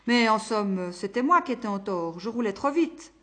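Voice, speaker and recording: Brief: a woman reading as a gruff, short-tempered businessman, curt and impatient. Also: fairly high pitch, animated, moderate pace, a bit bright. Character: gruff irritable businessman patient. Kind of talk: audiobook character voice.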